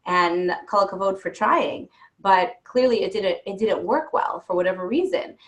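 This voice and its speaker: A woman dating coach giving frank, reassuring advice and sharing her own stories. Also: lowish voice. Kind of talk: advice talk answering questions.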